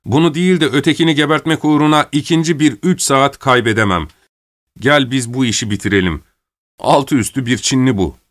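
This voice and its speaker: A man's voice: medium pitch, brisk, fairly bright tone, voice pushed up, close to an everyday voice. A stubborn, boastful overseer talks in brusque, insistent bursts, voiced by a male narrator close to his own voice. Each line is pushed hard, with little patience. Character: boastful stubborn German overseer, adult man.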